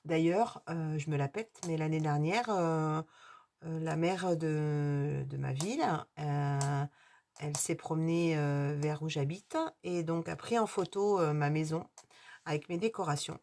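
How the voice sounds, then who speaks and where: A middle-aged woman chatting casually to her viewers as she answers a video tag. Her voice sits low, and she talks slowly, pausing often on fillers and restarting her sentences. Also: steady tone, darkish tone, slight background noise. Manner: hesitant, many fillers and restarts.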